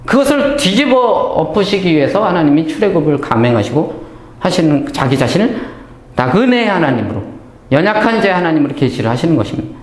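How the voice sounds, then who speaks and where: A man teaches a Bible lesson in a high, sweeping voice. He keeps asking himself questions and answering them, and acts out the lines he quotes. The room is echoey. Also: fairly quick. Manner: animated, asks and answers his own questions, acts out quoted speech. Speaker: Bible lecturer. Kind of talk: Bible study lecture.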